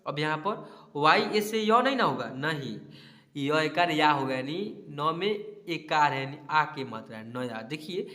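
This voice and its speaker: A man teaching spelling, with a bright, forceful, slightly high voice. He sounds out each word slowly, syllable by syllable, and keeps checking that his pupils follow. The room around him is echoey. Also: lively intonation. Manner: slow syllable-by-syllable spelling, frequent "ठीक है?" checks. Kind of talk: spelling lesson over a screen.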